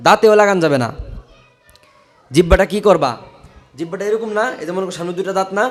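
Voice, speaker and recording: Man teaching Quran recitation, chanting slowly. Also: high-pitched, soft background music. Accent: Bangladeshi Bengali. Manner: chants verses slowly and drawn out, then explains briskly with many checking questions. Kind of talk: classroom recitation lesson. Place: madrasa classroom.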